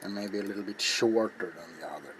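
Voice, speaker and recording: Low-pitched yet fairly bright in tone, a middle-aged man's voice moves a little fast as he hosts a casual ASMR craft tutorial while working, rambling in an offhand, self-deprecating manner. The setting is a small, cluttered indoor hobby workshop, and this noisy home recording has clear background noise.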